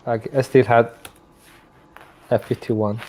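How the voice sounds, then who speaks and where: Excitable man playing a tabletop game. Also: mid-range voice, slow, a little hiss or hum. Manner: excitable, loud bursts. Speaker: player. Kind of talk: casual tabletop game play.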